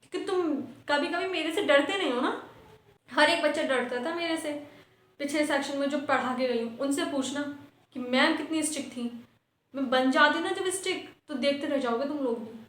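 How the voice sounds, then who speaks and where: A woman with a high voice plays a strict schoolteacher in a comic sketch. She lectures and scolds her class, and the sound rings in an echoey room. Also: brisk, a bit bright. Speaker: sketch performer playing a teacher. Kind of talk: scripted comedy sketch.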